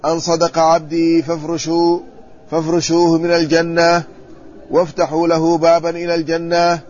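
A man, an Islamic scholar, giving a measured classroom commentary on hadith and checking the text with his students. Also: fairly high pitch, completely flat delivery, a little mellow. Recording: muffled lo-fi recording with faint ambience.

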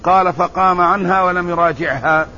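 High-voiced man teaching a hadith lesson. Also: sharp tone. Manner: measured, deliberate delivery with repeated phrases. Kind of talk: religious lesson, reading and explaining hadith. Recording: muffled, slightly lo-fi with faint ambient noise.

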